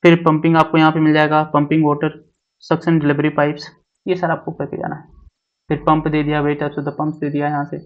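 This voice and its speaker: Man with a flat, repetitive teaching voice. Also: a little high, muffled recording. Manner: repeats each point, mixing English syllabus terms into Hindi. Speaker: exam coaching teacher. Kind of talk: syllabus walkthrough lecture.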